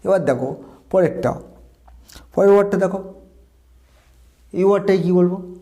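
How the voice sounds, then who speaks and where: Bengali-accented male tutor, mellow voice. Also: high voice. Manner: slow, deliberate example sentences, repeats words for drill. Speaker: English pronunciation tutor. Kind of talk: online lesson.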